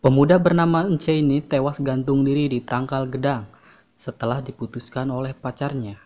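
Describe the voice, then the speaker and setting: A man playing a deadpan news reporter, reading a scripted comedy parody of TV news. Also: medium pitch, moderate pace, lightly acted. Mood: deadpan, formal. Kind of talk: scripted mock news voice-over. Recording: dry, slightly muffled voice-over.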